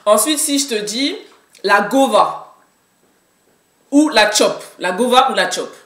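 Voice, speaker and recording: Animated young woman using French street slang. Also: a little high, slow pace. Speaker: daughter quizzing her father on youth slang. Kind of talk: casual quiz chat with French youth street slang. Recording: echoey room.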